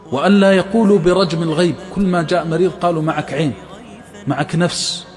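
A man's voice: fairly high pitch, darkish tone. A man preaching a religious sermon in a fervent, emphatic way.

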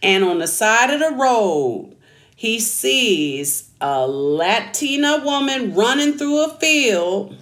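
A woman's voice: a little high, takes it slowly. A woman co-hosting a casual, profane movie review chat, acting out scenes as she recaps them. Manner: animated, profane, acts out scenes. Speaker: podcast co-host.

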